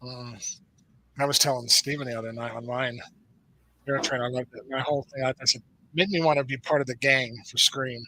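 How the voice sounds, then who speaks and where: A man's voice: mid-range voice, a little fast, poor audio. A middle-aged man from the United States hosting a casual movie watch party chat, telling stories animatedly. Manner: animated storyteller, acts out quoted voices.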